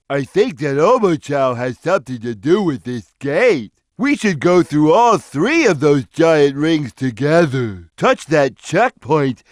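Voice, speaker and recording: A man voicing a big, gentle, simple-minded cartoon cat who explains things slowly and plainly, as a video game character. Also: fairly high pitch, no echo. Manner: slow, simple, deliberate instructional delivery. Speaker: video game character giving tutorial hints. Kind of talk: scripted game tutorial voice lines.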